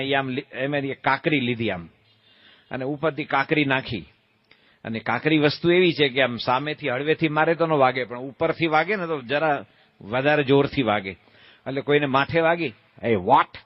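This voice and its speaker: This storytelling sermon comes from a swami whose voice runs on the high side, captured in a dry, lo-fi recording. He narrates playfully and folksily, asking listeners questions and acting out different voices.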